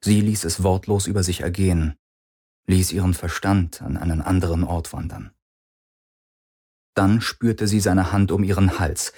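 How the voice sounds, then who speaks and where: A man narrating a novel in a steady, measured reading. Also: sits low, breathy edge. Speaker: audiobook narrator. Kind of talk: scripted narration.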